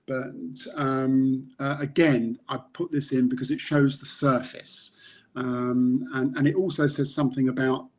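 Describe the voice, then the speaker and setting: A middle-aged man from Kent in England with a light Estuary English accent, giving an informal artist talk as a ceramicist in a halting, reflective manner. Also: mid-range voice, level tone, muffled recording. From Maidstone, Kent, England. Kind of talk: informal slide presentation.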